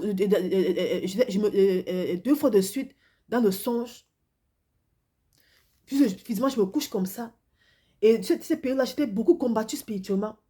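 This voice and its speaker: Sick with a cold and flu and noticeably congested, a self-described prophetess preaches a devotional sermon and shares her testimony. Her voice sits a little high and sounds mellow and husky, and she is earnest and repetitive, frequently starting phrases over.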